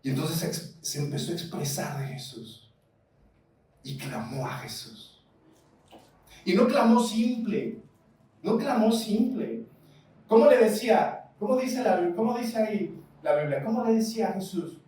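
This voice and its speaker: A man's voice: high voice, sing-song, a little slow, warm tone. A man preaching a sermon with a Mexican Spanish accent, asking his congregation question after question. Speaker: pastor. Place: church hall. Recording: echoey church hall, mic at a distance.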